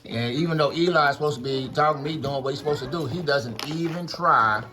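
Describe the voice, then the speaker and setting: A man casually retelling a Bible story to his children, lively and slangy, acting out the dialogue. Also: on the high side, fast talker. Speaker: father telling a Bible story.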